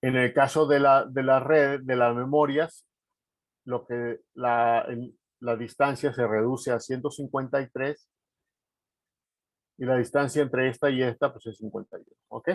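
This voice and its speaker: Man, research presenter, halting delivery with restarts, dry close sound. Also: mid-range voice, steady tone, no room sound. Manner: halting, restarts words often. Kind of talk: technical presentation in a meeting.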